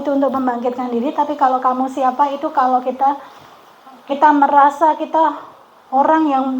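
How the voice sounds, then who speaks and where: A woman's voice: on the high side, a little mellow, highs cut off, slight background noise. A middle-aged woman, a psychologist, leading a training session in a chatty, interactive way, often checking in with the group. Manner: chatty, keeps asking the group "betul ya?". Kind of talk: interactive workshop talk. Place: outdoor training venue.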